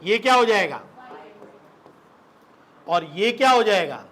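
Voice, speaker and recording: High-voiced man teaching a class. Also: big pitch swings, slow, fairly bright tone, a little hiss or hum. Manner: asks the class questions and repeats them; slips into local Rajasthani dialect. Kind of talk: classroom lesson explaining English spelling.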